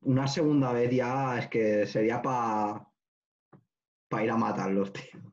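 A man hosting a casual chat, relaxed, swearing casually with many restarts. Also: medium pitch, unhurried. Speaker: host. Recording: dull lo-fi sound.

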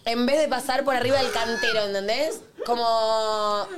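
Woman, Argentine accent, blunt radio panelist, slightly high, noisy background. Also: little pitch movement, moderate pace. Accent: Argentine Spanish. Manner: blunt, insistent. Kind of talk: casual studio chat.

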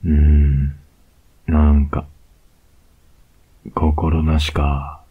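A cocky young male student with a Kansai lilt, voiced by a man in a whispered role-play. His voice sits extremely low and husky, drawn out slowly and evenly with little rise and fall. He teases in a close, unhurried murmur with soft laughs. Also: monotone, narrow, tinny audio, heavily acted. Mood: teasing.

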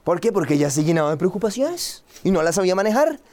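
A young Costa Rican entrepreneur with a Costa Rican accent gives a motivational seminar to a live audience as a guest speaker, asking rhetorical questions and acting out quoted voices. His voice sits high with a darkish tone, and he speaks quickly in a sing-song way.

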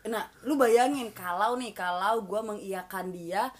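A woman's voice: mid-range voice, measured pace. A young woman in casual chat, animatedly telling a story with frequent laughter and bits of English.

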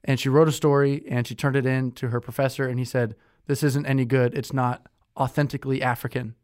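A young man co-hosting a podcast, speaking at a mid pitch. He chats loosely, with lots of "like" and "um" and plenty of restarts. The recording is dry and close, with no room sound. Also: level tone, a little fast, darkish tone, no echo. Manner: chatty, with many fillers and self-corrections. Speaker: podcast co-host. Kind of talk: casual conversational chat.

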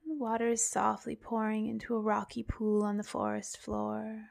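A woman softly narrating a guided relaxation like a sleep story, half-whispering with long pauses. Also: fairly high pitch, flat delivery, creaky.

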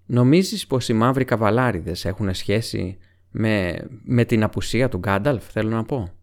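A man's voice: on the low side, close to an everyday voice. A man reading Frodo, an anxious earnest hobbit.

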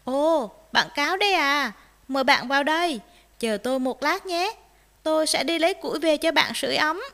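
Woman reader as a small gentle rabbit, high and bright, polite and soft. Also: animated, normal speed. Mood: friendly. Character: small gentle rabbit, kind and easily upset.

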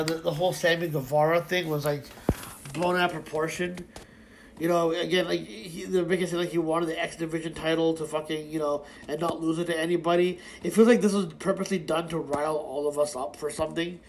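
A man's voice: on the high side, level tone, fairly quick, a little hiss or hum, rough recording. A young man ranting casually about wrestling fans and gossip, profane and rambling, full of restarts, fillers and sarcastic jabs. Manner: heated, sarcastic. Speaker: online commentator.

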